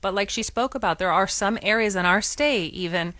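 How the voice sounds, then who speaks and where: A woman from a swim lesson nonprofit appears as a guest on a radio call-in show, speaking a little fast with a medium-pitched voice that sounds pushed and bright. The recording is dry, and she explains things earnestly, often restarting her sentences.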